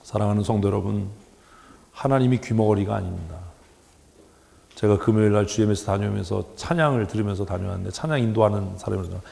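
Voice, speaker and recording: A man preaching a sermon as pastor in a church, animated and joking, acting out the voices he quotes. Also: on the low side, fast, creaky. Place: church sanctuary. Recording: church hall with long reverb.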